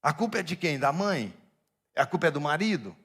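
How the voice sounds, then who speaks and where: A male pastor preaching a sermon, swinging between hushed asides and shouted emphasis and asking his congregation direct questions. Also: on the high side, very animated, a little fast.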